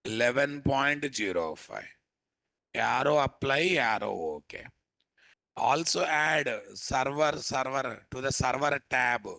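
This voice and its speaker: A man with a Telugu Indian accent teaching a live step-by-step software tutorial, informally addressing learners and often asking rhetorical questions. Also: mid-range voice, lively intonation, takes it slowly, vocal fry, dry recording. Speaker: software instructor.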